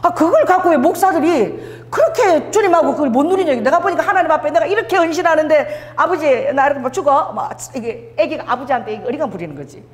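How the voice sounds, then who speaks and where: A woman's voice: sits high, lively intonation, fast, hardly any pauses. A woman pastor preaching a sermon, telling stories animatedly, laughing often and acting out dialogue. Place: church sanctuary. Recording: reverberant church hall.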